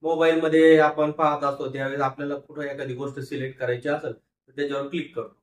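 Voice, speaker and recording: A man's voice: on the high side, little pitch movement. Phonics teacher, male, stretches syllables and repeats words; roomy, slightly distant sound. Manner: slow, drawn-out syllable-by-syllable sounding out, repeats each word. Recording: echoey room, voice a bit far from mic.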